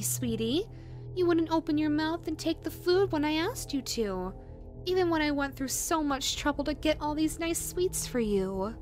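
In a roleplay audio drama, a woman gives voice to a yandere rabbit woman who is possessive and sweetly threatening, coaxing and talking down in a sugary, patronising way. Her voice is high-pitched with a darkish tone.

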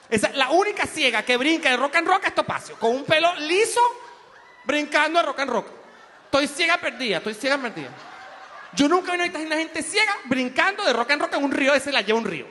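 A man with a Venezuelan accent doing a crude, mocking stand-up comedy routine, telling animated stories. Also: extremely high pitch, big-room sound, slight background noise.

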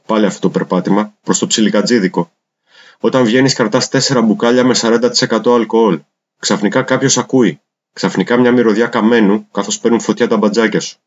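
Male poetry reader, deep-leaning voice, measured deliberate delivery, muffled low-fidelity recording. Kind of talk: reading translated poetry aloud. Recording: dull lo-fi recording.

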